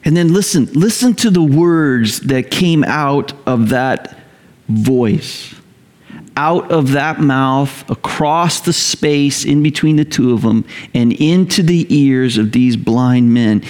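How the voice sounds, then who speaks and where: A man preaching a sermon, telling the story in a conversational, animated way, rising loud and high when excited and dropping low and quiet to reflect. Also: slow. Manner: conversational fillers and repeated phrases. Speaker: pastor.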